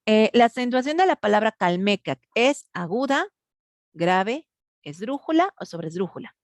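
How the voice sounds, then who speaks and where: A woman's voice: on the high side, big pitch swings, normal speed, no room sound, clean studio sound. A woman teacher, patiently walking students through a grammar lesson over a video call. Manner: patient, explains step by step, asks students for answers. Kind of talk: online grammar class.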